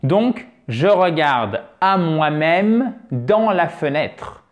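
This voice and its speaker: A man teaching an English lesson on video, lively and emphatic, often addressing his viewers as dear friends. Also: on the high side, drawn-out words.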